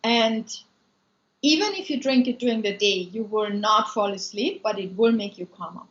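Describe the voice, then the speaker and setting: This food maker and business owner from Austria speaks with an Austrian German accent in a mid-range, fairly bright voice at a moderate pace. Responding to viewer comments on a live stream, she keeps it loose and says um a lot. Her recording is dull and lo-fi, with an echoey room.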